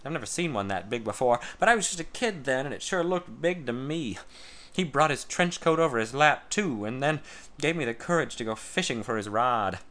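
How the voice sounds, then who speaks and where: Bright-voiced man narrating a story. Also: medium pitch, lively intonation, fairly quick. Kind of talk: first-person story narration.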